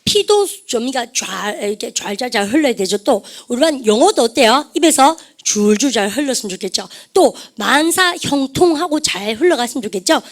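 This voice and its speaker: A woman teaching English vocabulary to a class, lively and chatty, often calling out to her students and drilling English words aloud. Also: a little high, brisk, hardly any pauses. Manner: lively, repeats "여러분들", asks the class questions; refers to herself as "쌤". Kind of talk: lecture to a class.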